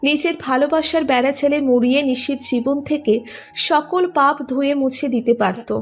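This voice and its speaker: A woman's voice: high voice, steady tone, normal speed, soft background music. A woman narrating a romantic audio story in a dramatic, scripted storytelling manner.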